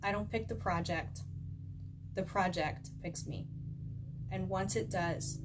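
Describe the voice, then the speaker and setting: Over music, a woman with a fairly low voice takes her time reading her own book aloud in a relaxed, chatty way. She's recording at home, where background noise is clearly heard, and she adds informal asides.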